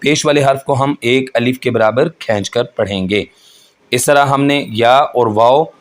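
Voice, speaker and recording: A man teaching Quran recitation rules, explaining each point slowly and patiently and chanting the verses in a melodic voice. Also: mid-range voice. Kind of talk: tajweed lesson with chanted recitation.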